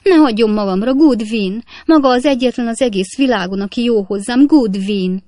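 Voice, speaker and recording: A woman's voice: a little high, mellow, no echo, clean studio sound, voice pushed up, lightly acted. A woman voicing a hysterical, self-pitying married lady who wails and sobs her complaints. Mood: sobbing. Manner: sobbing, wailing, dramatic.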